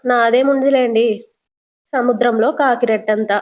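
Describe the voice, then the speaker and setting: A woman voicing a witty young wife who teases and fires back quick retorts. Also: on the high side, fairly even intonation, natural voice. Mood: teasing. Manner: teasing, retorting.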